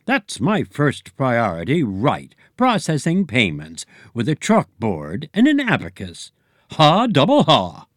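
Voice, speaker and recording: A man's voice: mid-range voice, huge pitch swings, slow, dry recording, studio quality, pitched above the performer's own voice. A man doing a snorting, sarcastic clerk. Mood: scornful. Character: scornful, sarcastic office clerk.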